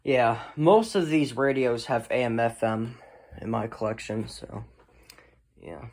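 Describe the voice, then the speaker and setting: A hobbyist collector presents a video in a casual show-and-tell chat, rambling and often letting his thoughts trail off. His medium-pitched voice is animated, unhurried, and slightly mellow, with a faint hiss or hum in the recording.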